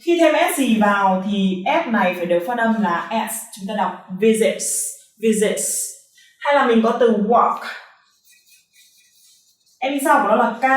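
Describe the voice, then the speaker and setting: A woman teaching English pronunciation, repeating key sounds slowly and checking in with her learners. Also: medium pitch. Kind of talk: classroom explanation. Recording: echoey room, voice from a distance.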